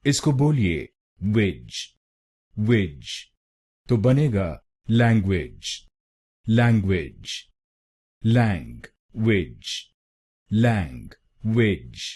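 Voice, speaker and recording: A man narrating a pronunciation tutorial, slow and deliberate, saying each word several times over. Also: lowish voice, mellow, breathy edge. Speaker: pronunciation teacher.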